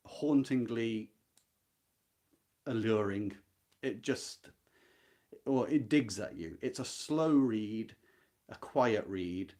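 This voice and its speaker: Leading an informal live session on a classic novel, a male book club host sounds reflective and earnest, with emphatic moments. His voice is mid-range and rather dark.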